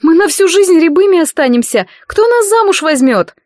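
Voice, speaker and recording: A frightened young girl pleads urgently in a high, strained voice, as a woman reading a storybook puts her on. The recording is dry and close. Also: sing-song, normal speed, no room sound. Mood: distressed. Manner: urgent, pleading whisper turning to shrill protest.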